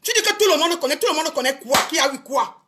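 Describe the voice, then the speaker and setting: A woman with a very high voice defends herself in an indignant live video. She keeps repeating her points and speaks straight to her critics. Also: lively intonation, fast talker, fairly bright tone, a little hiss or hum. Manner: indignant, repetitive, addresses critics directly. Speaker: show business promoter. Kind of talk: Facebook live rant.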